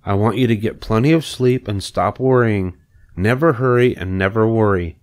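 A man voicing a calm, wise female spider in a storybook reading, measured and reassuring. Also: fairly low pitch, voice pushed up, close to an everyday voice. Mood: instructive. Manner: measured, reassuring, matter-of-fact.

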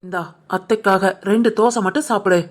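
A woman voicing a protective older mother-in-law in an animated family cartoon, firm and scolding, with a Tirunelveli Tamil accent. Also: medium pitch, fairly quick, close to an everyday voice. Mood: tender. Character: caring older mother-in-law, protective, stern with her daughter.

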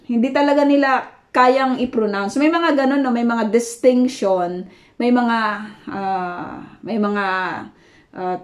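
Filipino woman explaining a bible passage, kinda high voice, loose and chatty, lots of tag questions. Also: darkish tone. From Philippines. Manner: conversational, many fillers and tag questions, mixes English. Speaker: Bible teacher. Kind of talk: Bible study talk.

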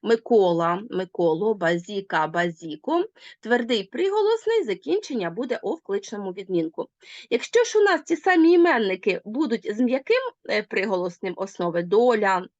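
A woman's voice: mid-range voice, dry recording, dull audio. A woman teacher explaining grammar in a lesson, speaking emphatically.

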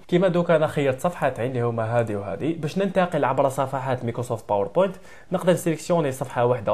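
A man with an Algerian Arabic accent giving a software tutorial, briskly mixing French computer terms into his speech. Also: mid-range voice. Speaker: software instructor. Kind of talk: screen-recorded tutorial.

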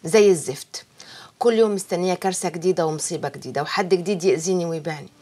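A woman's voice: a little high, lively intonation, rapid-fire, husky. Give me a weary sullen Egyptian young woman. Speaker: daughter.

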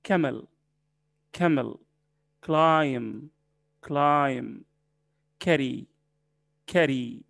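A man with an Egyptian Arabic accent teaching an English vocabulary lesson, saying each word slowly and repeating it several times. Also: medium pitch, creaky, a bit bright, no echo.

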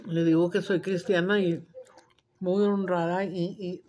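A woman's voice: lowish voice, level tone, measured pace, background noise. Crude, brash woman vlogger. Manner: loud, crude, swears freely, switches between Spanish and English. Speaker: mukbang cooking vlogger. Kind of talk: casual chat while cooking and eating.

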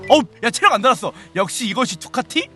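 A young man streaming a shooter game, commenting excitedly, exclaiming often and imitating gunfire sounds out loud. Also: extremely high pitch, fast, faint music behind. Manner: playful, mimics gunfire sounds, frequent exclamations.

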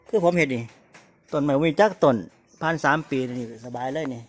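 Speaking a little fast in a voice on the high side, a man with a northeastern Thai Isan accent sells his farm stock during a casual live chat. He keeps repeating prices and echoing the other speaker's words for his viewers.

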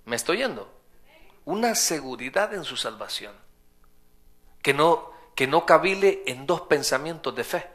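A man preaching a sermon to his congregation, pressing each point with repetition and rhetorical questions. His voice sits a little high and has a bright, forceful edge. He takes his time over every phrase. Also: expressive, measured pace. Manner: emphatic, repeats points and asks rhetorical questions. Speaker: pastor. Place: church sanctuary.

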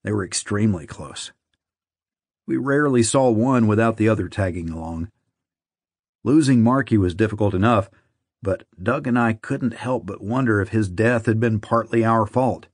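A man narrating an audiobook in a measured, somber reading. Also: on the low side, dry recording, studio quality. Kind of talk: scripted narration.

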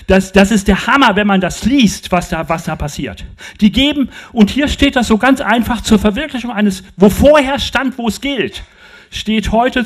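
An older man lectures with a high, lively voice that swings up and down as he drives home his points. He speaks into a handheld mic on a stage in a large festival tent and keeps checking that the audience follows him. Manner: emphatic, animated, addresses audience with rhetorical questions. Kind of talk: public talk.

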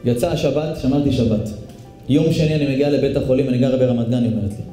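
Dark-voiced rabbi telling a sermon story. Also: male voice, medium pitch. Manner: dramatic storyteller who acts out the voices. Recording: echoey room with faint music.

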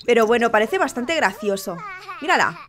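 A young woman giving excited, gushing commentary on a life-sim game. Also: fairly high pitch, moderate pace. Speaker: gaming youtuber. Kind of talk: casual gameplay commentary.

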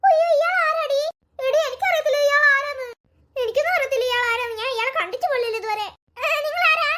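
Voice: extremely high pitch, racing, noisy background. A voice actor doing frightened cartoon girls. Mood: defiant. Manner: fearful, chattering. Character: two scared young girls walking home at night.

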